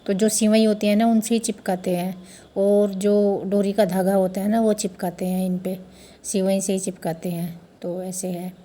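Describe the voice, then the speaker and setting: Woman, vlogger from India; chatty explainer, level and mellow. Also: medium pitch, little pitch movement, moderate pace. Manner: chatty, explains customs step by step. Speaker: family vlogger. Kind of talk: casual vlog narration to viewers. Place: family home during a festival.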